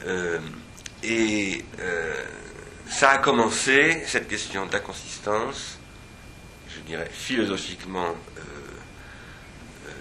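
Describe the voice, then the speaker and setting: A man speaking at an academic seminar, digressive and reflective, pausing often and restarting his sentences. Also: deep voice, expressive, sharp tone, slight background noise.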